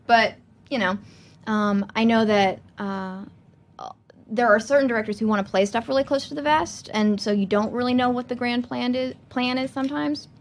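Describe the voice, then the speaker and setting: A woman's voice: medium pitch, vocal fry. A woman chatting as a podcast guest, talking in a hesitant, rambling way with many fillers and frequent laughter. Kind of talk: casual interview chat.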